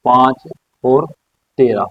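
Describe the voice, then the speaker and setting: A man teaching a maths lesson at a board, explaining slowly and repeating his own questions for the class. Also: mid-range voice, no echo. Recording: dry, slightly dull lo-fi sound.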